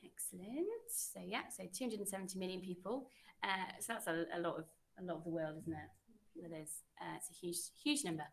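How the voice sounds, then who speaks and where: A woman's voice: lowish voice, steady tone, brisk, creaky. A young woman, a French teacher, running a classroom quiz with pupils in an encouraging, chatty way.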